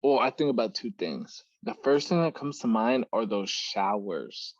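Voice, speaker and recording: A man's voice: fairly low pitch, measured pace, no echo, muffled recording. A young man hosting a podcast, telling stories in casual chat and acting out what others said. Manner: animated storyteller who acts out quoted shouts and laughs mid-story. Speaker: podcast host.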